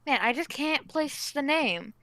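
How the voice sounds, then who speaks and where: A woman's voice: sits high, lively intonation, measured pace, fairly bright tone, no room sound, poor audio. A woman playing a tabletop game, talking in a casual, playful, teasing way. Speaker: player.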